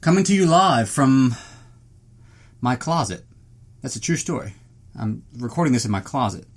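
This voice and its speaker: A man's voice: medium pitch, very animated, moderate pace. A man hosting a solo podcast in casual, rambling chat, self-deprecating, joking and prone to swearing, recorded inside a small closet.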